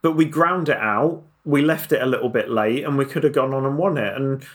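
A man with a croaky voice, chatting casually as a guest on a football podcast. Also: medium pitch, brisk.

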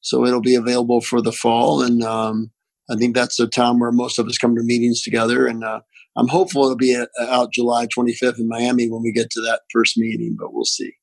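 A man's voice: medium pitch, monotone, a little fast, gravelly, no echo, poor audio. A middle-aged man with an Appalachian accent, a doctor answering interview questions conversationally. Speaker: pain physician, interview guest.

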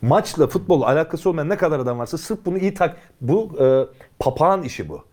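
A man's voice: on the high side, very animated, fast talker, darkish tone. A man chatting casually and emphatically as a sports show panelist, often joking as he gives opinions.

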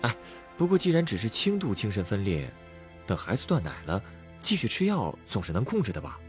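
Male co-host with a low, lively voice, prompting a storyteller with curious questions over faint music. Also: a little fast. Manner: curious, reacting with short questions. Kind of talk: conversational prompting.

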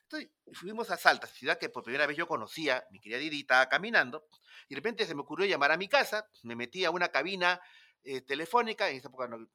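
A Peruvian man recounts an adventure in casual conversation and acts out each exchange as he goes. His voice is bright and sharp, and his pitch swings widely. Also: fast. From Peru. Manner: animated, dramatic storytelling with acted-out dialogue. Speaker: guest storyteller. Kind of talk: casual storytelling interview.

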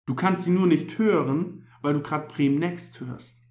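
A man's voice: a little high, moderate pace, a little mellow, echoey room. A young man with a German accent giving a casual youth sermon, talking to listeners directly and often calling out "hey". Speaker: youth pastor.

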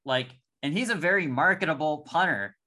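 A young man co-hosting a casual sports podcast, excitable and rambling, often restarting his sentences. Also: on the high side, normal speed, over a noisy crowd. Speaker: podcast co-host.

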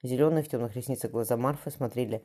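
Brief: quick, mellow-voiced male narrator for a novel. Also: mid-range voice. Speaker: audiobook narrator.

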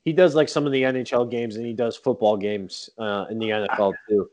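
A man's voice: lowish voice, brisk. A man chatting casually and jokingly about sports, with many fillers. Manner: animated, joking, lots of fillers. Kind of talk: casual chat.

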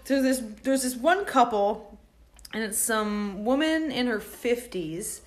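Woman, casual podcast talker, fairly high, blunt and profane. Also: animated, takes it slowly. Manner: blunt, swears freely, retells TV gossip. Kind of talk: casual chat.

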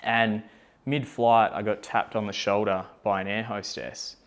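A man's voice: lowish voice, little pitch movement, measured pace. A young man, a company founder, telling a personal story in a casual, candid way, with plenty of fillers and self-deprecating asides.

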